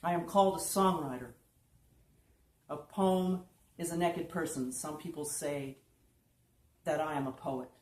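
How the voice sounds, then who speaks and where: A woman giving a live reading of a prose piece at an art gallery event, measured and deliberate, slowing on lists. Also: low-pitched, a little mellow. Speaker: poetry reader. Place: art lofts gallery, indoors. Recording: roomy room reverb, faint background hum.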